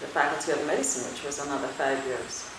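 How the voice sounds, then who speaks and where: Low-voiced Jamaican-raised woman in an echoey room. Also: fairly even intonation, noisy background. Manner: measured, thoughtful, frequent fillers. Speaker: dermatologist. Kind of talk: interview answers. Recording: very echoey room with faint ambience.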